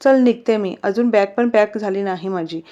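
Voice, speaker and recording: A woman's voice: mid-range voice, moderate pace, dark tone, lightly acted. A woman voicing a sly, theatrical young woman in a storybook reading. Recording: slightly muffled recording.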